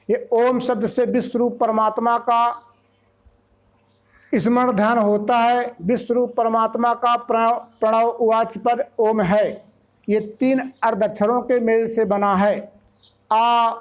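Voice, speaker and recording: A spiritual teacher giving a discourse, explaining slowly and drawing out single syllables with care. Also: medium pitch.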